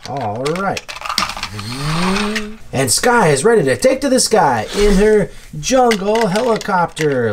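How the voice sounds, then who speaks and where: Woman toy host, animated storytelling, low voice, very lively, clear toy clicks. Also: background noise. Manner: animated, asks a child questions.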